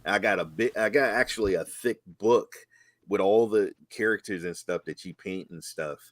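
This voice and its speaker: Excitable nostalgic man, dry sound. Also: on the low side, moderate pace, no room sound. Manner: excited, nostalgic storytelling with exclamations. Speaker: co-host. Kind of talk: casual chat.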